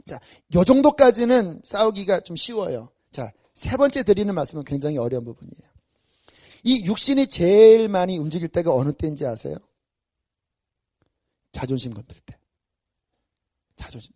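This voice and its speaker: Male pastor, fairly high voice, lively storytelling sermon, acts out his reactions. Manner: animated storytelling, acting out his own inner reactions. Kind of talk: early-morning sermon.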